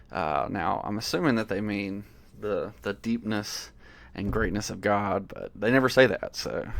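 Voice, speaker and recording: A low-pitched man from the American South picks apart worship lyrics in casual commentary. His voice is gravelly, and he sounds amused and incredulous. The recording is dry and close. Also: no room sound. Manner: amused, incredulous, frequent laughs and fillers. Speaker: worship music critic.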